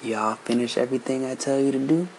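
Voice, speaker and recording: A man voicing a stern old grandmother telling a tale, with a gruff, scolding drawl. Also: medium pitch, quick pace, a little mellow, slight background noise, lightly acted, poor audio.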